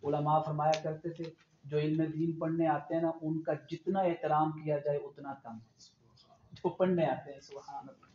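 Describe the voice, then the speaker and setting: A man's voice: a little high, little pitch movement. Man drilling pronunciation in a roomy class. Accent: Pakistani Urdu. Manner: drills sounds slowly, repeating them for the class. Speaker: religious teacher. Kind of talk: tajweed pronunciation lesson. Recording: roomy, dull lo-fi, loud hiss.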